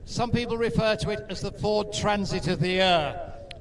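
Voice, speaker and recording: Airshow commentator: man, high-pitched, informative and lightly wry, live outdoors with a crowd behind him. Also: moderate pace. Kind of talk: live airshow commentary over public address. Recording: outdoor event with crowd and aircraft noise.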